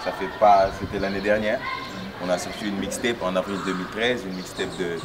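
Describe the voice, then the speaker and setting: A man's voice: sits low, a little fast. A man rapper, answering casually with many fillers. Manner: relaxed, many fillers like "tu vois". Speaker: rapper guest. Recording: distant mic with noisy ambience.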